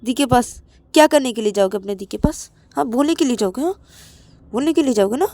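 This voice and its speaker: A woman's voice: a little high, lively intonation, mellow, no echo, pitched above the performer's own voice. A woman voicing a domineering, threatening young male lover who gives harsh orders. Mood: menacing. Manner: harsh, menacing, rapid-fire demands.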